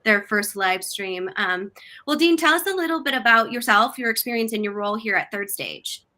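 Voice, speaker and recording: A woman's voice: fairly high pitch, animated, normal speed, sharp tone. A woman hosting a live-streamed business panel on a video call, asking questions in an upbeat, affirming way. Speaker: webinar host.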